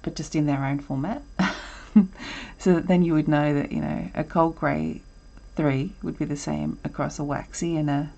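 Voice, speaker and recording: Her low, gravelly yet mellow voice stays steady at normal speed as she leads a casual draw-along from her home desk. This art instructor chats, rambles, and keeps breaking off with ums.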